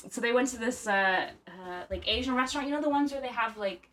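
A woman's voice: fast talker, a bit bright. Chatty woman telling stories. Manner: rambling, many fillers, bursts into high acted quotes. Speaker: podcast co-host. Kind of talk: casual chat, storytelling.

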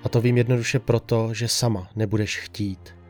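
A man's voice: on the low side, fairly even intonation, darkish tone, lightly acted. A man playing a sedated, despairing patient strapped to a hospital bed, speaking in a subdued, weary, grave audio drama monologue with a dry throat. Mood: grimly resolved. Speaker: hospitalized man telling his story. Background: faint background music.

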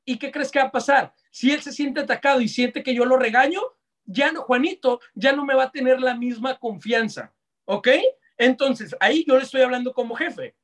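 A young Mexican man with a Mexican accent, giving live online sales coaching in a lively, slangy way that talks straight to his audience. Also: very high-pitched, normal speed. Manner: energetic, slangy, addresses audience directly. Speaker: sales trainer.

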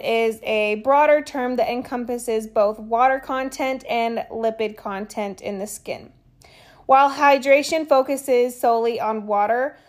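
Higher-voiced woman explaining skincare. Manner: steady reading with small stumbles and casual asides. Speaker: skincare educator. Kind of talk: reading an explainer with asides.

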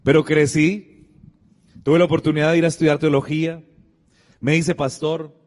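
Middle-aged man, pastor, lively storytelling sermon, fairly high voice, long hall reverb. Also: moderate pace. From Colombia. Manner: storytelling, acts out dialogue, addresses the congregation directly. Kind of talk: sermon with a personal anecdote.

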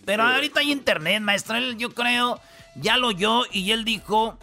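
This is a man hosting a comedy radio show, joking his way through a countdown of stories. His voice sits high and sounds bright and forward, with a gravelly rasp under it, and soft music plays behind him. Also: normal speed. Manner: joking, slangy, punchline-driven.

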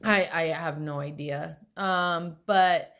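A young adult woman, a podcast co-host, telling a personal story in casual chat, animated and full of quoted voices. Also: sits low, slow pace.

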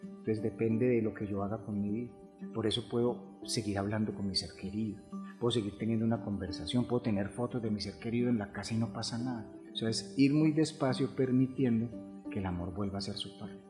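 A man, a grief therapist talking through ideas calmly, answering his own rhetorical questions. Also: on the low side, brisk. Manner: calm, explanatory, rhetorical questions. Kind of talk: reflective podcast conversation. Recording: long hall reverb, faint music behind.

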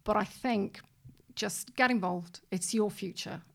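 A woman's voice: mid-range voice, measured pace, gravelly, fairly bright tone. A woman hosting a conversational interview in an emphatic, encouraging way. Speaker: podcast host.

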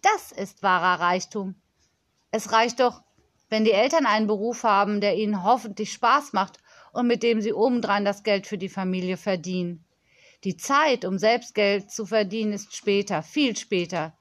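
A woman voicing a kind, soft-spoken adult nanny in an audiobook reading. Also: medium pitch, moderate pace, no echo, close to an everyday voice. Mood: earnest.

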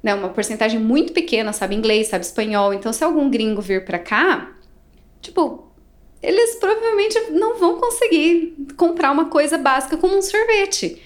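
A woman's voice: sits high, lively intonation, moderate pace. A young Brazilian woman with a Brazilian Portuguese accent, telling a travel story casually, acting out dialogue and laughing often.

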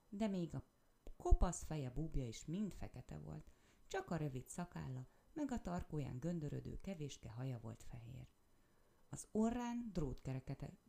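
A woman reading a children's story aloud with expressive narration. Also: low voice, creaky.

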